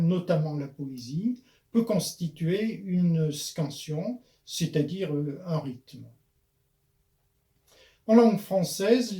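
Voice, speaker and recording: A man giving a measured spoken lesson on poetry, pausing often with hesitation fillers. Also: fairly high pitch, warm tone. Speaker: poetry lecturer and author-declaimer.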